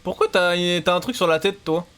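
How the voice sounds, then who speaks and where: A man's voice: sits high, a little fast, a bit bright. A young man streaming a survival game, cracking crude self-mocking jokes in casual banter.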